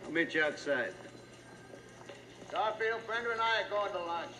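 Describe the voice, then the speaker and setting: An actor playing a gruff, wisecracking police detective who talks briskly and wryly, heard as film audio. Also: male voice, sits high, expressive, over music, rough recording. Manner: brisk, wry. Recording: film audio with noise behind.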